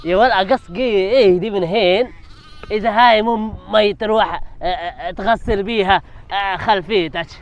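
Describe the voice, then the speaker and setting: A man's voice: high-pitched, brisk. A man playing a henpecked village husband thrown out by his two wives, complaining dramatically in a comic sketch. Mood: pleading. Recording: dull lo-fi sound.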